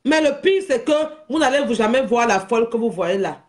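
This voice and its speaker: This woman's fairly high voice moves fairly quickly as she rants on her unscripted live stream. Animated and repetitive, she frequently laughs through her words.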